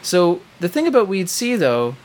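A man's voice: sits high, huge pitch swings, moderate pace, a little hiss or hum. A middle-aged man co-hosting a casual podcast, ranting with lots of swearing and sarcasm. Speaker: podcast co-host. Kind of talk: casual political chat.

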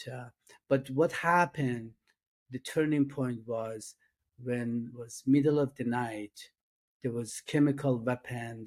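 A man's voice: medium pitch, a little mellow. Middle-aged man with an Iranian accent. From Iran. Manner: halting, many fillers and restarts. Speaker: guest, addiction and trauma coach. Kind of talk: casual interview.

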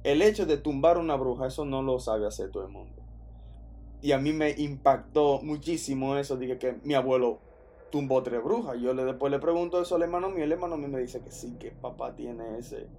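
A man's voice: mid-range voice, a little fast. Slangy Dominican man telling a story. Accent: Dominican Spanish. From Dominican Republic. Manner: animated and slangy, with frequent restarts. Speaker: podcast storyteller. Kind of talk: casual first-person storytelling.

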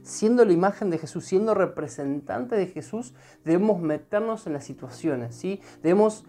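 Earnest Argentine woman preaching over soft music. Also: on the low side, lively intonation, moderate pace. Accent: Argentine Spanish. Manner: earnest, repeats phrases, frequent "¿sí?" checks with listener. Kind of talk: devotional sermon.

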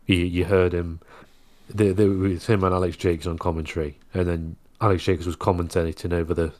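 A man's voice: low-pitched, little pitch movement, brisk, a little mellow, no echo. A man co-hosting a motorsport podcast, blunt and laid-back in casual chat. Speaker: podcast co-host.

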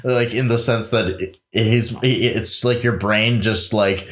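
A man's voice: lowish voice, steady tone, unhurried, fairly bright tone. A man reviewing a movie in casual chat, rambling with many fillers, swearing and laughing often.

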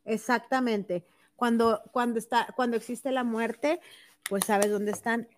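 A woman co-host chats casually and emotionally, often acting out what others said to her. Her voice sits somewhat high. The sound is close and dry, with no room behind it. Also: measured pace, no room sound. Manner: emotional, animated retelling with quoted dialogue. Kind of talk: casual chat.

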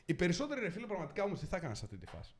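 A man's voice: high voice, crowd noise. A young man from Greece hosting a casual podcast, telling a story and acting out the dialogue. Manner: animated, acts out dialogue in the story. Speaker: podcast host.

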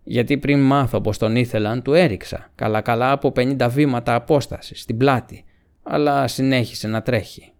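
A man's voice: mid-range voice, fairly even intonation, clear, resonant tone, lightly acted. A man playing a blunt, threatening orc soldier. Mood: boastful. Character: brutish male orc soldier, threatening bully.

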